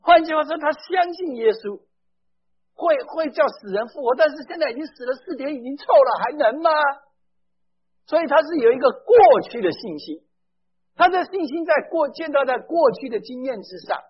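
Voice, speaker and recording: A man's voice: very high-pitched, lively intonation, moderate pace. A man preaching a sermon, speaking emphatically, putting questions straight to his listeners and mixing in English phrases. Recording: dull lo-fi recording.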